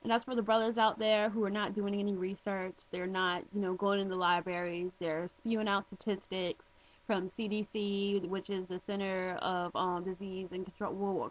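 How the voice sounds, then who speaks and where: A woman vlogging a direct-to-camera response, blunt and emphatic, posing pointed rhetorical questions. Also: mid-range voice. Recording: dull lo-fi home video audio.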